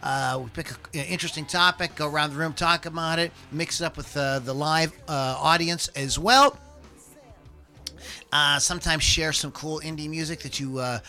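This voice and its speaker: A man's voice: a little high, steady tone, normal speed, sharp tone. A man hosting a podcast in an informal, rambling, chatty way with music playing behind him. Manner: informal, rambling, self-deprecating. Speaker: podcast host. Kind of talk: casual podcast chat. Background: background music.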